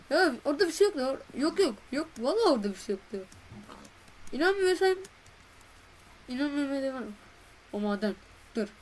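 A woman giving casual commentary while playing a game, chatty and excitable, talking to her viewers in a playful, slangy way. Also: a little high, slight background noise, low-quality recording. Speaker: gaming video creator.

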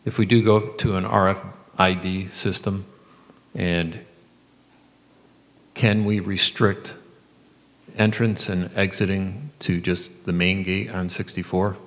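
A man, a board member, asking questions in a public meeting with halting restarts. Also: sits low, little pitch movement. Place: large meeting room. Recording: long reverb, faint ambient noise.

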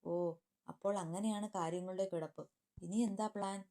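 A woman's voice: mid-range voice, fairly even intonation, normal speed, dark tone, lightly acted. A woman voicing an indignant, eager younger brother who asks pointed questions.

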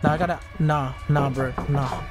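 Scared young male horror game streamer, higher-pitched. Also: fairly even intonation, normal speed, loud music behind the voice. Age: young adult. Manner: scared, slangy, repeating phrases. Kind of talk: casual reaction commentary, reading game dialogue aloud. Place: small dark room at home. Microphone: close standing studio microphone.

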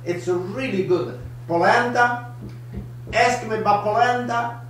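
An older man in his seventies with an Italian accent, hosting a live home cooking show in broken, animated English. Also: sits high, measured pace, far from the mic, faint music behind. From Italy. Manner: broken English, lively, gestures a lot. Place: home kitchen, indoors. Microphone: camera across the counter. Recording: echoey kitchen, voice from afar.

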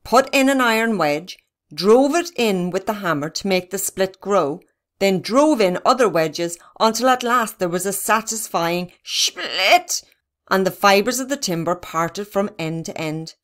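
A woman narrating a children's storybook in a steady, even reading. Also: medium pitch, normal speed. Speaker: reader.

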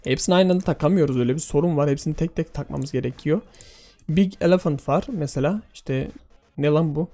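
A man casually commentating a game for his viewers, excitable and often exclaiming and laughing. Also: a little high, fast talker, soft background music. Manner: addresses viewers directly. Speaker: gaming video host.

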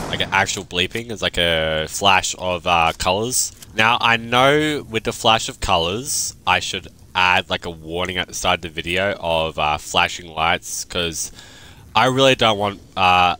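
A man's voice: low-pitched, sharp tone, slight background noise. A young man, chatting and rambling freely through casual gameplay commentary, swearing now and then. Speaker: gaming youtuber.

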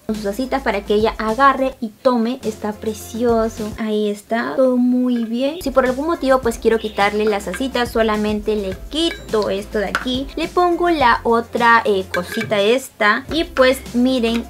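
A woman's voice: on the high side, normal speed, hardly any pauses, faint music behind. A young woman in casual vlog chat, gushing with enthusiasm over cute items she unboxes. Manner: gushing, enthusiastic, lots of diminutives. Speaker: vlogger.

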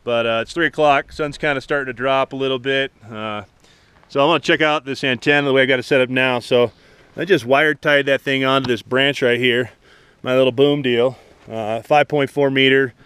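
A man's voice: medium pitch, steady tone, normal speed, fairly bright tone, clean tone, no room sound. A man hosting an outdoor vlog and making ham radio calls, casual and slangy, recorded on an action camera. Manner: laid-back, slangy. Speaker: vlog host and amateur radio operator. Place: outdoors on a snowy mountain peak.

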